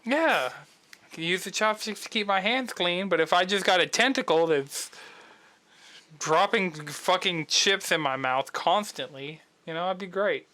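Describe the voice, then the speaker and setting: A young man co-hosting a podcast in relaxed casual chat, laughing through his stories. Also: high-pitched, a little slow. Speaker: podcast co-host.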